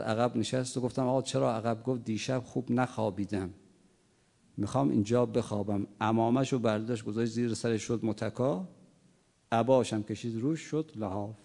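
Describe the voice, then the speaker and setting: Male preacher, gravelly voice, telling a story in a sermon, acting out the dialogue. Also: medium pitch, darkish tone, long reverb tail. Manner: storytelling with acted quotes and dialogue.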